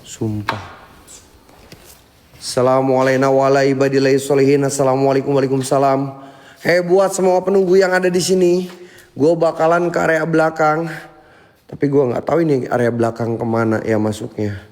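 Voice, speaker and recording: A man's voice: mid-range voice, steady tone, normal speed, a little mellow. A young man live-streaming a ghost hunt, jumpy and calling out to spirits while muttering prayers under his breath. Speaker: paranormal explorer streamer.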